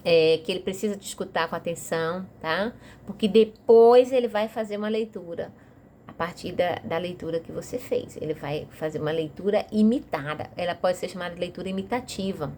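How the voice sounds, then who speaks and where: Brazilian lady teaching parents how to do reading practice, mid-pitched, lots of "right?" tags, faint hiss behind. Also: a little mellow. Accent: Brazilian Portuguese. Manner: chatty, frequent tag questions, talks straight to the listener. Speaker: reading tutor explaining a method to parents. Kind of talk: casual explanatory lesson.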